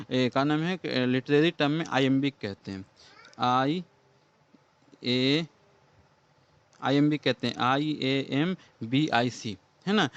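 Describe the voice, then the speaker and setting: A man's voice: fairly high pitch, clean tone. A man teaching a poem as a lesson, explaining it step by step and answering his own questions. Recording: dull lo-fi sound.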